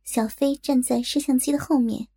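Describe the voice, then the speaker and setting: A woman narrating a first-person audiobook story in a smooth, confiding way. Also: sits high, fairly even intonation, moderate pace, dark tone.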